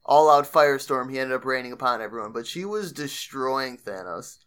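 A man's voice: medium pitch, animated, moderate pace, a bit bright, smooth. A young man co-hosting a casual podcast, laid-back and joking crudely. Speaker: podcast co-host. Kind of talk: casual chat.

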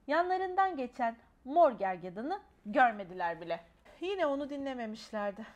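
Woman reading a kids storybook, high voice, really animated and sing-songy.

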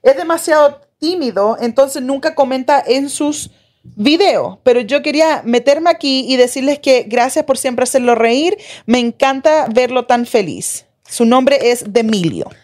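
A woman's voice: sits high, expressive, a little slow, darkish tone. A young woman co-hosting a podcast, reading listener messages aloud and adding dry comments. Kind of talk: casual chat.

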